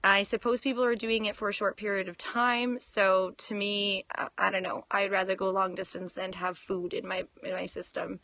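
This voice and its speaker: Bright, chatty woman in her thirties. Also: medium pitch, flat delivery, normal speed, few pauses, no echo. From Canada. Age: 30s. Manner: chatty, reads viewer comments aloud, laughs often. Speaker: fitness livestream host. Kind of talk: casual live Q&A. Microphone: phone.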